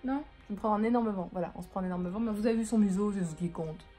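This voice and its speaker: A woman's voice: mid-range voice, racing, dark tone, faint music behind. Chatty woman doing makeup. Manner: chatty, rambling, self-mocking, casual swearing. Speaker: beauty vlogger. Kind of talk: casual makeup tutorial chat. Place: living room at home, on a couch.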